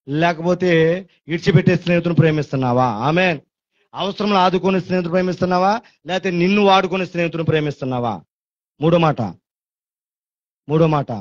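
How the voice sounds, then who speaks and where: A male pastor with a Telugu accent preaching a fervent sermon, with his voice climbing into shouted praise. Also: high-pitched, no echo. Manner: fervent, rising to shouted hallelujahs and quoted pleas. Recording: muffled lo-fi sound, dry.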